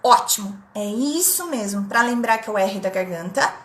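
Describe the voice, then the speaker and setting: A woman's voice: medium pitch, animated, normal speed, roomy sound. A Brazilian woman teaching English in a live online lesson, drilling pronunciation by repeating words and reading out viewer comments. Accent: Brazilian Portuguese. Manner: reads out chat comments from viewers. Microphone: computer mic on a live stream.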